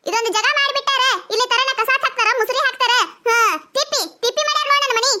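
A woman voicing a loud, quarrelsome young village wife in a cartoon, ranting and scolding in a North Karnataka Kannada accent. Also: fast talker, background noise. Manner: shrill scolding rant. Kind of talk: cartoon voice acting.

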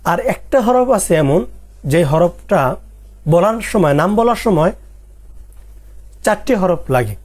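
A teacher giving an Arabic alphabet lesson, repeating each letter slowly and asking and answering quiz questions. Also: mid-range voice, darkish tone.

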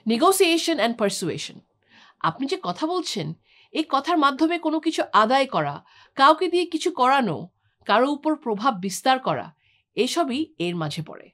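Bright-voiced woman explaining with lively pitch. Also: normal speed. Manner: clear, explanatory, lists points one by one. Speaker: English trainer. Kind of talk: scripted instructional talk.

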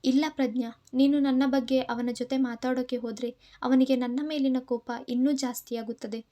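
A woman's voice: high-pitched, level tone, normal speed, dark tone, lightly acted. A woman voicing a grieving older mother estranged from her son, speaking in a tearful, pleading way.

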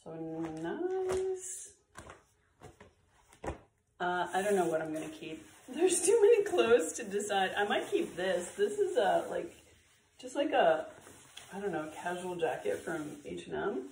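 A middle-aged or older woman, a bit congested from a cold, chats to camera while sorting found clothes for her vlog, relaxed and full of fillers. Her mid-range voice is a little slow. A camera a few feet away in a bright, bare-walled room captures roomy, slightly distant audio with a little hiss or hum.

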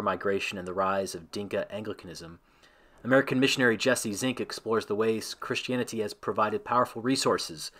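Bright-voiced man reading a devotion. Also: on the low side. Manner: measured, reverent reading. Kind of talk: scripted devotional narration ending in prayer.

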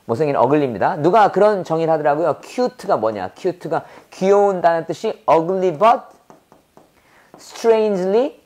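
A man teaching English vocabulary in a playful way, with quick asides and silly acted examples. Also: fairly high pitch. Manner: animated, drops into silly voices and sound effects to make words memorable.

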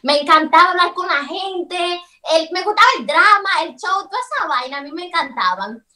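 A woman with a Dominican accent, a comedian and video creator, telling her story in an interview in an animated, expressive way and laughing often. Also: extremely high pitch, normal speed. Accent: Dominican Spanish. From Dominican Republic. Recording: roomy echo, voice from a distance.

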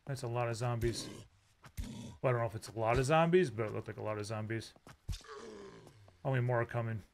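A man's voice: medium pitch, fairly quick, a little hiss or hum. A man giving casual, rambling commentary while playing a game, often breaking into startled outbursts. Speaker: gaming YouTuber.

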